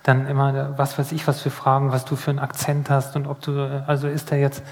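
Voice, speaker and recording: A man's voice: mid-range voice, monotone, fairly quick, a little mellow. A man hosting an interview, asking loose, rambling questions and teasing his guest. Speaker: interviewer, host. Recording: long hall reverb.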